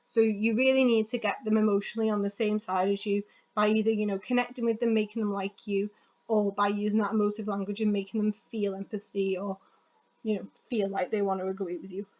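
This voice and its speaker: A woman teacher giving a casual lesson on writing opinion articles, talking quickly with frequent ums and self-corrections. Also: mid-range voice, level tone, a little mellow. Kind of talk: recorded classroom lesson. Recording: dull lo-fi sound.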